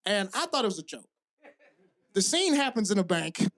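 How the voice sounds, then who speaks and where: High voiced southern guy doing stand-up at a comedy club, loose and profane, gets shouty on punchlines. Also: sing-song, moderate pace. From American South. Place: comedy club stage before a live audience.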